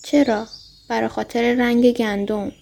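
A woman's voice: on the high side, little pitch movement, gravelly. A woman voicing a wistful tender fox. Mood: sad. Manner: gentle, heartfelt, pleading. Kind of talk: storybook reading.

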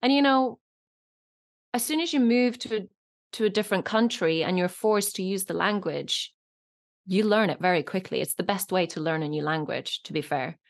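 A Norwegian-born actress in her thirties, whose first language is Norwegian, chats casually as an interview guest, using many fillers. Her mid-range voice moves at normal speed with vocal fry, and her accent leans British rather than sounding clearly foreign.

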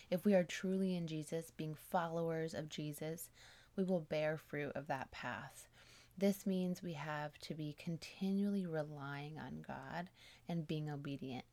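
A woman with a low voice and a gravelly texture hosts a scripture meditation. She reads and prays in a slow, calm, gentle way. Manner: calm, slow, prayerful reading. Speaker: podcast host leading a scripture meditation. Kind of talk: guided Bible meditation.

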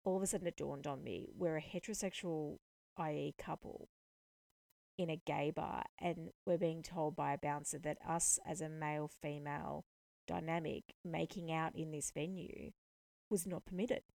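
Podcast host, female, low and gravelly, dry close sound, animated storyteller. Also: normal speed, dry recording. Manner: animated, indignant retelling with quoted dialogue. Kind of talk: storytelling monologue.

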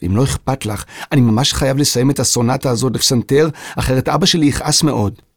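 A man's voice: medium pitch, no room sound, clean studio sound, voice pushed up, natural voice. A man voicing a polite, earnest young boy composer in a children's audio story. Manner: polite, earnest, slightly prim.

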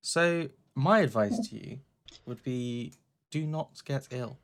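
A man's voice: mid-range voice, slow. British guy cohosting a chatty podcast, dry jokes, bit run down after being sick. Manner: dry, self-mocking humour. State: recovering from illness. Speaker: podcast co-host. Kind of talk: casual chat.

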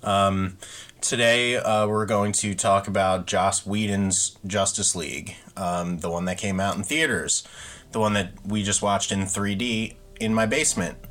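Low-voiced man in casual podcast chat. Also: steady tone, a little slow, fairly bright tone. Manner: rambling, joking, many filler ums. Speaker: podcast co-host.

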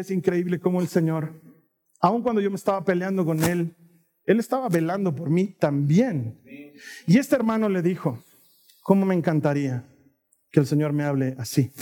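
A man preaching a sermon, telling stories and acting out the dialogue in an animated way. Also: a little high. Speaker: pastor. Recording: long hall reverb.

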